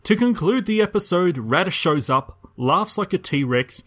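A man's voice: high voice, lively intonation, measured pace, a bit bright. A man co-hosting a podcast, recapping an episode in casual chat and laughing often. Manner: laughs often while talking, playful. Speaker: podcast co-host.

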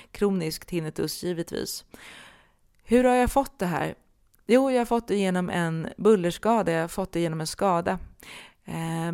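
Woman podcast host with a lower pitch and smooth, clear tone; candid, reflective, hesitant delivery. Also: darkish tone. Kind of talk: personal podcast monologue.

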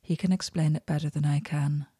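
A woman voicing a cross, sharp-tongued young woman who talks in a sarcastic, clipped way. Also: sits low, steady tone, fairly quick, husky, no room sound, clean studio sound.

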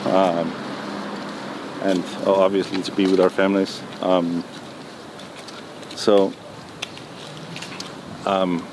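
A man answering interview questions in a relaxed, hesitant way, with many ums and restarts. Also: sits low, very slow, long pauses. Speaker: music producer guest. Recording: noisy background.

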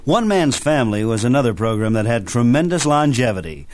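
A man's voice: mid-range voice, very animated, fairly quick, darkish tone, soft background music. A man reading scripted documentary narration about radio history.

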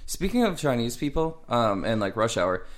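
Lively young man rambling on a podcast. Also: mid-range voice, normal speed. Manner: animated, rambling, lots of fillers. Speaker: podcast co-host. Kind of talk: casual chat.

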